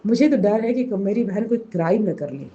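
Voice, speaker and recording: A hoarse woman giving an emotional personal testimony, speaking slowly and softly in a pleading way. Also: medium pitch, expressive, muffled recording, a little hiss or hum. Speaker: devotee sharing a testimony.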